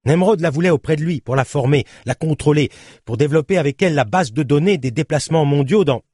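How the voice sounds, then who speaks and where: A man's voice: a little high, lively intonation, fast, dark tone, breathy edge, dry recording, clean studio sound, pitched above the performer's own voice. A man voicing a bitter male convicted killer who insists on his story in a protesting way. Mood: recounting.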